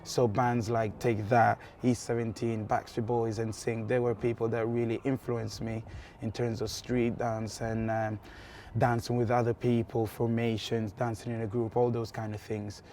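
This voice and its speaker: A man, talking to camera about his career as a dance school director, relaxed and steady with frequent ums. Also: mid-range voice, moderate pace, a little hiss or hum. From Italy.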